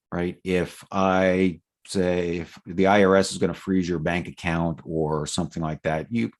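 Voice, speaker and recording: Male presenter, deep and creaky, loose explanatory delivery full of restarts. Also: a little mellow. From United States. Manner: unscripted, with fillers and restarts. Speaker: presenter of a policy platform. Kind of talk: explanatory talk on policy.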